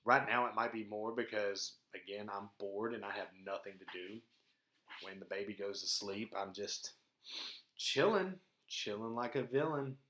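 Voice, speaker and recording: A young man with a Southern US accent and a fairly low voice hosts a homemade podcast. He rambles casually in everyday slang, easygoing and self-deprecating, speaking into a microphone in a small home studio. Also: little pitch movement, normal speed, sharp tone, a little hiss or hum. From Mississippi, southern US. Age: young adult. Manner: laid-back, slangy, chuckles at himself. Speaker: podcast host. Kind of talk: casual rambling vlog chat. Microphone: dedicated podcast microphone.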